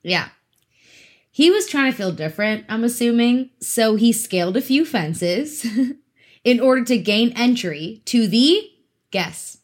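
A woman's voice: fairly high pitch, expressive, a little slow. A woman from Africa, hosting a casual true crime podcast in a chatty, giggly way with teasing asides. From South Africa. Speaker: podcast host.

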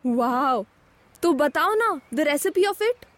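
Very high-pitched Indian actress as a curious mom. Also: female voice, expressive, fairly quick, fairly bright tone, no echo. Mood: curious, impressed. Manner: exclamatory, inquisitive, Hindi-English code-switching. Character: curious, harried mother seeking lunchbox ideas from a friend. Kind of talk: scripted conversational dialogue. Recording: music bed under the voice.

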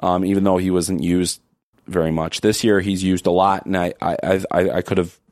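A man talking as a guest on a casual podcast, hoarse from a cold, speaking haltingly with many restarts. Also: sits low, flat delivery, a little mellow, no room sound. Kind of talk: casual chat.

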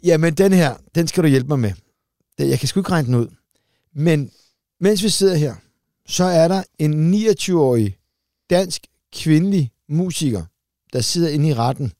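A man co-hosts in loose, crude banter, blunt and joking throughout. His voice sits slightly high but has a dark, mellow colour. The studio sound is dry and close. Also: expressive, dry recording. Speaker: podcast co-host, comedian. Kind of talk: casual banter.

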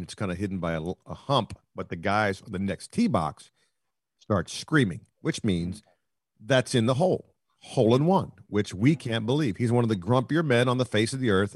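A man co-hosting a sports talk show, telling a long rambling story that swells into excited, louder bursts. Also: lowish voice, dry recording, studio quality. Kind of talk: casual sports chat.

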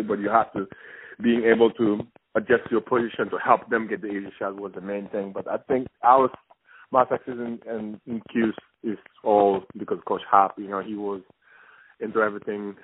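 A young man from Senegal, a former basketball player, talking as a phone-in guest in a halting way with frequent restarts. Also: on the low side, husky. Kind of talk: casual phone interview. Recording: tinny phone line with faint hiss.

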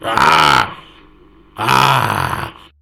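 A man voicing a feral, furry male creature obsessed with bones, chanting short broken phrases in a raspy voice. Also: low-pitched, huge pitch swings, very slow, sharp tone, voice pushed down, heavily acted. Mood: muttering.

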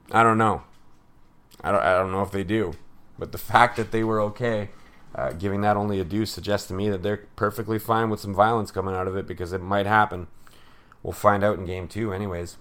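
A low-pitched man hosts a hockey breakdown show in a casual, offhand way. He gives strong opinions, drifts into sarcasm and fills pauses with ums and uhs. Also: fairly bright tone. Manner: opinionated, sarcastic, with fillers and laughs. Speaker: hockey podcast host.

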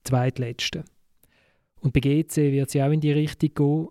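A man with a Swiss German accent in a casual discussion, posing questions and haltingly thinking aloud. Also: a little high, fairly even intonation, mellow, no echo, studio quality. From Switzerland, Basel. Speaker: football talk show panellist posing questions.

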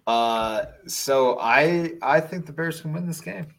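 A man's voice: fairly high pitch, takes it slowly, creaky, a bit bright, rough recording. A man with a Chicago accent co-hosting a casual sports podcast, rambling with restarts and fillers. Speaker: podcast co-host.

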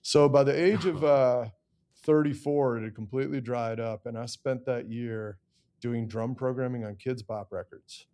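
This interview guest, a middle-aged American songwriter and producer, shares his story openly while making light of himself. His warm, mid-range voice keeps fairly even intonation at a normal speed.

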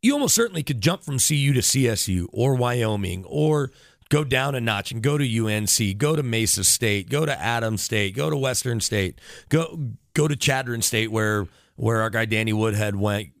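Here a man with an expressive, creaky mid-range voice talks at a normal speed, guesting on a laid-back sports radio interview. He goes into long detail, veering off on tangents and correcting himself. The studio audio is clean and echo-free.

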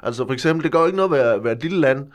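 A man in his thirties playing an earnest male workshop leader who preaches crude national pride, hesitant and full of fillers, for a deadpan comedy interview. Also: mid-range voice, lightly acted. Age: 30s. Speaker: guest.

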